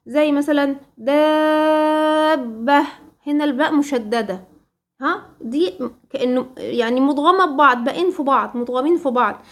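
Egyptian woman, tajweed teacher; high voice, patient drilling delivery with prompt questions and repeated terms. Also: a little fast, fairly bright tone. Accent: Egyptian Arabic. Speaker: Quran recitation teacher. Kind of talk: tajweed lesson.

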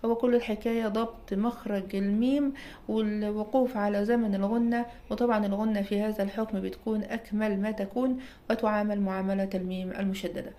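A woman's voice: medium pitch, fairly even intonation, fast, mellow. A woman with an Egyptian Arabic accent gives an explanatory lecture as a recitation teacher. She asks and answers her own questions and checks in with her listeners.

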